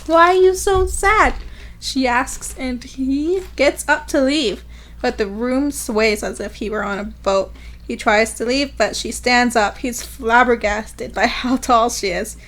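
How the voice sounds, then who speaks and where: Slow-reading young woman podcast co-host. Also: a little high. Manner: slow, dramatic reading with giggles. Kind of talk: casual chat, reading novel passages aloud.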